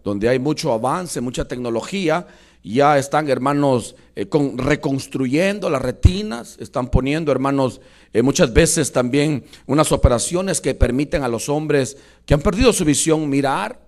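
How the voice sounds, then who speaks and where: A man preaching a sermon as pastor in a church, impassioned and often loud, constantly addressing the congregation as brothers and pausing with hesitations. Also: mid-range voice. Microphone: church microphone with a loose cable.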